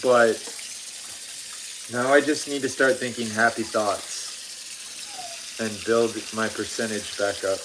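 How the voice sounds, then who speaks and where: A man's voice: medium pitch, little pitch movement, takes it slowly, long pauses, background noise. A middle-aged man hosting a live cooking stream from his home kitchen, rambling and self-deprecating with lots of ums. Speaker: livestream host. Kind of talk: casual live cooking chat.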